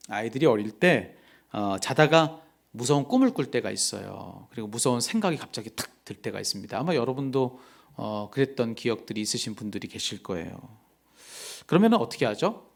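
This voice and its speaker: A male pastor preaching a sermon, swinging from loud emphatic lines to soft whispered words of comfort. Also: mid-range voice, vocal fry.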